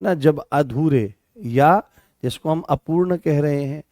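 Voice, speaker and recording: A man from Rajasthan speaks slowly in a fairly high, darkish voice, recorded dry with clean studio sound. He is teaching Hindi grammar in an online exam-prep class, repeating phrases, correcting himself, and posing questions he answers himself.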